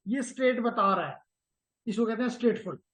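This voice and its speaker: A male instructor leads a live class. He explains networking step by step and weaves English terms into his sentences. He repeats the key words and stops often to ask students whether it is clear. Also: very high voice, brisk, a bit bright, poor audio. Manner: mixes English technical terms into Urdu.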